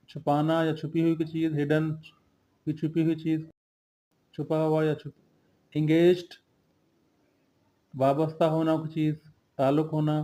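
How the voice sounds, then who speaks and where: Steady teacher listing words. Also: male voice, a little high, rough recording. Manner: slow and steady, drills word lists with brief glosses. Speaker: English teacher. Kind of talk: vocabulary lesson, listing synonyms and antonyms.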